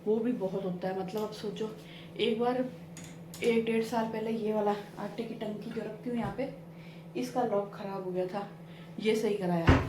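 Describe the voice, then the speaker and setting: A woman's voice: medium pitch, noisy background. A woman in her thirties with a Rajasthani Hindi accent, chatting casually to her viewers as she does chores around her home. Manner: chatty, talks to viewers while doing chores; whispering so her sleeping husband is not woken. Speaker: vlogger. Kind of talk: casual home vlog chat.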